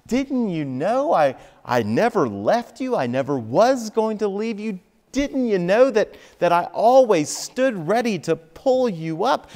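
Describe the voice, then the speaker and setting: A man preaching who voices Jesus as a calm, comforting grown man, speaking gently and pleadingly. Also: high-pitched, unhurried, in a large hall, pitched above the performer's own voice, heavily acted. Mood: reassuring.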